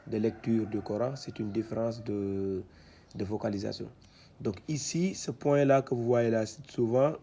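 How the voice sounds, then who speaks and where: A man teaching Quran reading in a slow step-by-step lesson, sounding out syllables and often restarting his sentences. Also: on the low side, vocal fry, mellow. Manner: hesitant, many restarts and fillers, repeats syllables slowly.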